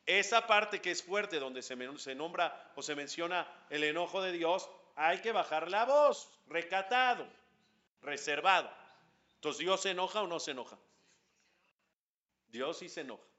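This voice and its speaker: Bright-voiced rabbi teaching a class. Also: male voice, on the high side, measured pace, highs cut off. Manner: animated, asks the audience questions, chants Hebrew prayers. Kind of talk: lively religious class talk.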